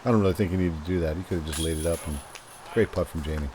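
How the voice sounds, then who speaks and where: A man giving measured, analytical golf-style commentary on a disc golf tournament, explaining shots and holes. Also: extremely low pitch, dark tone, slight background noise. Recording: music behind the voice. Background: music.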